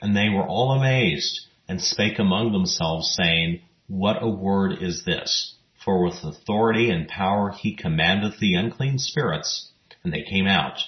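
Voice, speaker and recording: A man giving scripted Bible teaching narration, reading scripture verses in a measured, even way. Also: low voice. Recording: roomy, dull lo-fi recording.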